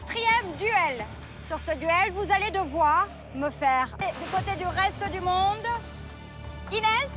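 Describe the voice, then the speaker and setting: A woman's voice: very high-pitched, lively intonation, slow. A woman refereeing and announcing challenges as the host of a game show, outdoors. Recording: music behind the voice.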